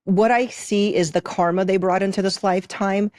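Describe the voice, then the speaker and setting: Her voice is mid-range and darkish, steady in tone and moderate in pace, with no echo in the studio-quality recording. She is an intuitive soul contract reader from Moldova who relocated to the US at eight, emphatically explaining her practice in a podcast interview and asking check-in questions.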